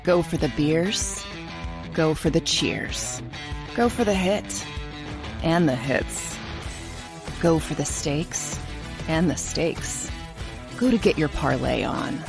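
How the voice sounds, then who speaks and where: Slow gravelly low female ad voice. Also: animated. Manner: rhythmic, repetitive slogan delivery. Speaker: ad announcer. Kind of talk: scripted ad read. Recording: ad voice over loud music.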